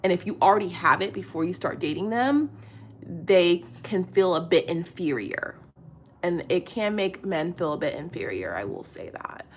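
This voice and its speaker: A middle-aged woman with a fairly low, expressive voice chats at normal speed in a get-ready-with-me vlog. Her tone is casual and confiding, full of fillers and restarts, with a little hiss or hum on the recording.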